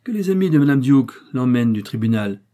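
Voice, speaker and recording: A man's voice: medium pitch, animated, a little fast, warm tone, natural voice. A man voicing a trial judge who speaks formally and briefly. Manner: formal, matter-of-fact.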